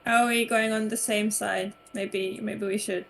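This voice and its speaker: A woman's voice: mid-range voice, flat delivery, a little slow, gravelly, a bit bright. A woman playing in a tabletop game, chatting casually and laughing often. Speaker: player.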